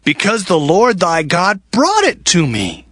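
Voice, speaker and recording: A man's voice: high-pitched, wildly swooping pitch, a little slow, a bit bright, no echo, studio quality, heavily acted. An actor playing an anxious, scheming younger son in a dramatized scripture reading, earnest and formal in his pleading. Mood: earnest, deceiving.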